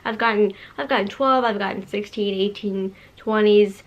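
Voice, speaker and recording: A woman's voice: mid-range voice, normal speed, lo-fi sound. A woman in her late twenties talking casually to her viewers in a bubbly, sassy way, full of fillers and restarts. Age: 20s. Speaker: vlogger. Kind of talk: casual talk to camera.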